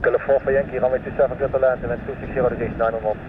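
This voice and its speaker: A man's voice: medium pitch, flat delivery, racing. A man working as an air traffic controller, giving clipped instructions over the radio. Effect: aviation radio transmission. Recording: tinny radio channel with background noise.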